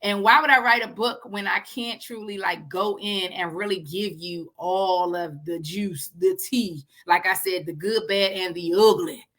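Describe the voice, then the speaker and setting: A woman speaks to her readers over a video call, earnest and conversational as she offers encouragement. Her voice is bright and forward, at a middle pitch for a woman. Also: measured pace, few pauses. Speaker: author. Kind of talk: casual spoken address to an audience.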